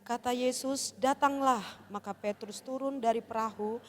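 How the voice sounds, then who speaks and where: A woman's voice: on the high side, normal speed. A woman in a church congregation reading scripture aloud in turns with the pastor.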